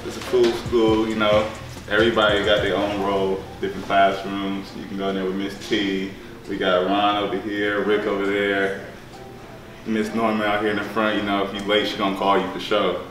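A man's voice: on the low side, monotone, moderate pace, background noise. A young man who is a barber student, talking in a laid-back way with casual slang in a school room. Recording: echoey room from a distance.

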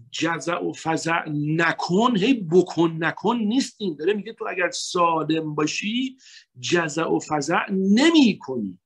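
A man from Iran with a husky voice giving a religious lecture on psychology, emphatic, his tone jumping between loud high points and hushed asides.

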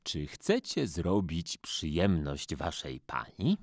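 Casting: a man playing a deep, drawling, patronising photographer, dry close sound. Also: very animated, slow pace, no echo, full character voice. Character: stern low-voiced male school photographer. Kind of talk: storybook reading.

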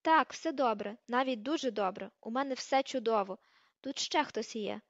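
Brief: earnest teen boy wizard, read by a woman, peacemaking, high-pitched, dry recording. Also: moderate pace, no echo, natural voice. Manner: earnest, pleading to calm. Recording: slightly dull, dry recording.

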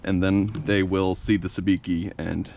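Standing at a workbench outdoors, a young fishing-channel host casually demonstrates something hands-on, sprinkling in plenty of "you know" and "uh." His gravelly voice sits low and moves at a measured pace. A slight hiss or hum runs under the audio, and his manner stays easygoing throughout.

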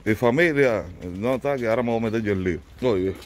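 A man's voice: medium pitch, fast. A middle-aged man vlogging casually while he walks city streets, chatting to his viewers as family. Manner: chatty, addresses viewers as family, mixes in English and German. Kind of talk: casual walking vlog. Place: outdoors on city streets, then a shop. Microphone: phone held at arm's length.

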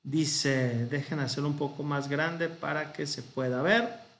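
A man with a Mexican Spanish accent talks slowly through a grammar lesson, pausing to think aloud and correct himself. His voice sits fairly high for a man. The room gives it a noticeable echo. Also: fairly bright tone. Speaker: Hebrew teacher. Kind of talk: slow classroom explanation.

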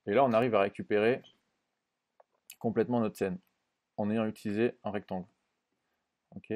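A man with a lowish voice and fairly even intonation narrates a screen-recorded software tutorial at a moderate pace. His casual style involves thinking aloud, many fillers and restarts, and frequent check-ins with the viewer.

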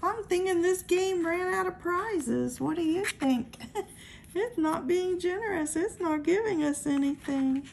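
A woman's voice: very high voice, animated, vocal fry, darkish tone, a little hiss or hum. A woman casually calling out the numbers one by one as she scratches lottery tickets at a table. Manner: slow, calls out numbers one by one.

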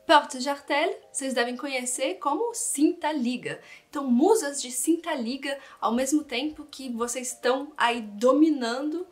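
A woman's voice: high voice, moderate pace. A woman teaching a casual language lesson, explaining song lyrics and thinking aloud as she goes. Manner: chatty, thinks aloud, switches between reading French lines and explaining.

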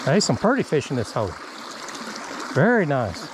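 A middle-aged man who hosts for a fishing bait company films a vlog beside a creek, coaching a child with short instructions he keeps repeating. His voice sits on the high side and swoops wildly in pitch at a moderate pace. A body-worn action camera picks him up along with background noise and rushing stream water.

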